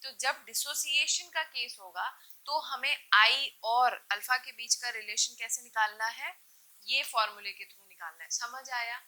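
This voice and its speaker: Bright-voiced woman teaching chemistry. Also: a little high, unhurried, rough recording. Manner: explains step by step, asking questions and answering them herself; checks in often with short confirmations. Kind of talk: classroom lecture mixing Hindi and English.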